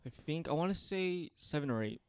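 A man's voice: a little high, animated, brisk, smooth, dry recording. A young man co-hosting a casual podcast chat, laid-back and slangy, swearing offhandedly. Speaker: podcast co-host.

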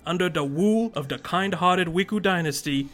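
A small, grave fairy king recounts his people's suffering in a soft, babyish voice, as a podcast host puts him on. The voice sits a little high for a man. Faint music plays underneath. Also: normal speed. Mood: solemn storytelling. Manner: baby voice telling a tragic history. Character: tiny old fairy-folk king, grave, sorrowful. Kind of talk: comic read-aloud on a podcast.

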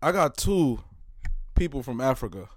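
A young man hosting a casual chat, animated, laughing often and repeating himself. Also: mid-range voice, moderate pace, dry recording, clean studio sound. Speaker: podcast host.

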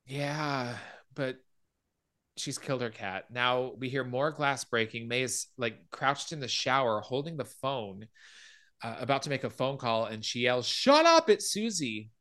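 A man's voice: mid-range voice, a little slow, bright, forceful tone. A man hosting a podcast, casually retelling a film scene by scene and acting out quoted lines. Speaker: podcast host.

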